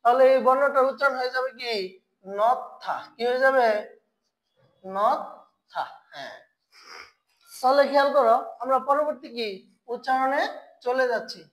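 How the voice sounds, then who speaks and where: Brief: female tutor, slightly high voice, quizzes the class and answers her own questions. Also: rough recording. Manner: asks the class questions and answers them herself; slow, drawn-out spelling of syllables. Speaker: Korean language teacher. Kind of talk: online language lesson.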